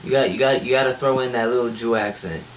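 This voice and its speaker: Over a voice call microphone, a man hosts a casual podcast chat, running the show in a blunt, wisecracking way. His medium-pitched voice keeps a fairly even intonation at a quick pace, with a little hiss or hum underneath.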